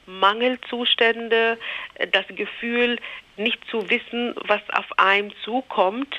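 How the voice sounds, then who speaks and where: A woman from Palestine, a child psychiatrist, explaining things in a measured way over the telephone. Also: medium pitch, sharp tone. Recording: telephone line.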